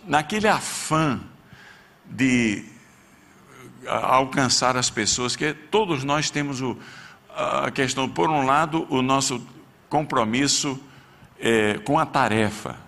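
A pastor, preaching a sermon and telling a personal story with strong feeling. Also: male voice, takes it slowly, a bit bright. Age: 60s. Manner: emotional storytelling, voice rising in pitch at peaks.

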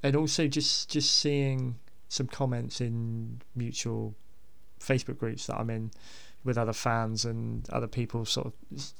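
Speaking slowly, a male podcast host talks off the cuff in a relaxed way, his voice heavy with vocal fry and fairly level in pitch. He rambles and hesitates, repeating words often.

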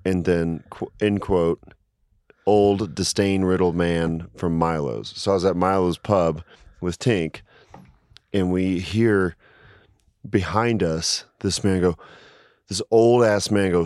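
Young guy slowly telling a story, lowish voice, dry room. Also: a little mellow, dry recording. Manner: slow, laid-back storytelling with laughs. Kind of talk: casual chat.

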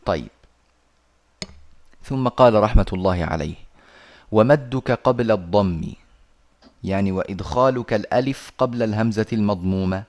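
A man teaching Quran recitation over a video call, patiently explaining and slowly reciting verses. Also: on the low side, darkish tone.

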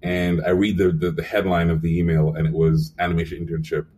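A young man telling lively stories as a guest in a casual interview, acting out quotes with lots of fillers. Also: deep voice, quick pace, distant mic, a little hiss or hum. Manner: animated storyteller, acts out quotes, frequent fillers. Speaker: animation supervisor guest.

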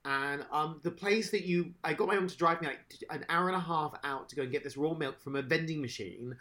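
Guy chatting, super bright voice, rambly and excited. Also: a little high, a little fast. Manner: animated, rambling, swears. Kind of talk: casual chat.

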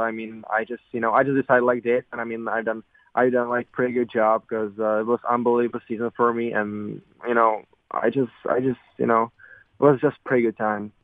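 A young man from the Czech Republic with a Czech accent, a guest on a call-in radio interview, answering in halting English full of fillers. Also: medium pitch, no echo. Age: young adult. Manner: halting, filler-heavy non-native English. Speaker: guest athlete. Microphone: phone. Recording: dry tinny phone line.

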